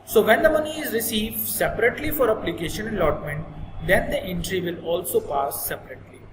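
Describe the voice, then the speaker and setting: A man's voice: high-pitched, animated, fast. A man with an Indian accent and native Hindi, teaching in an instructive, repetitive explanatory style and often checking understanding. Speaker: accountancy teacher. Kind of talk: explanatory classroom lesson. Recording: echoey reverberant room with clear noise.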